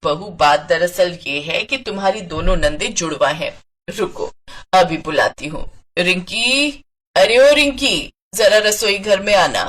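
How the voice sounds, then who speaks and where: A woman voicing an older mother-in-law in a cartoon story, speaking in a lower, motherly way. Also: expressive, measured pace, fairly bright tone.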